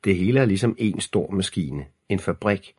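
A man's voice: low-pitched, animated, darkish tone, husky, dry recording, clean studio sound. A man voicing a blunt, sarcastic boy who snaps at his sister, in an audiobook reading. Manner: snarling, matter-of-fact.

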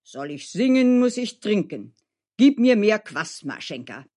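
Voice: big pitch swings, a little slow. A storyteller voicing a boisterous, hot-headed male coachman who bellows and boasts, in a storybook reading. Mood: swaggering. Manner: loud and boastful, rising high in outbursts.

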